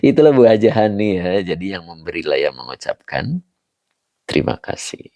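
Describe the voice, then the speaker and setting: A man teaching an online religious study session, explaining slowly and greeting participants over a video call. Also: sits low, sing-song, a little mellow, no room sound. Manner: slow, explanatory, reads out chat greetings. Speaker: Islamic teacher.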